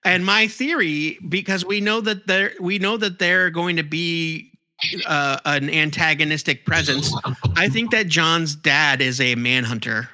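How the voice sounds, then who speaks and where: A man co-hosting a comics podcast, explaining theories in a rambling, animated way with lots of fillers and restarts. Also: a little high, measured pace. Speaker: podcast co-host. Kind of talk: casual chat about comics.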